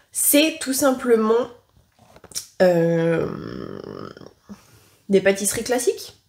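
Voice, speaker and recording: A woman giving a casual taste-test review to camera, talking frankly and often pausing on filler sounds and restarts. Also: mid-range voice. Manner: chatty and frank, leaning on "franchement" and "concrètement"; hesitant, with frequent filler sounds and self-corrections. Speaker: food tasting vlogger.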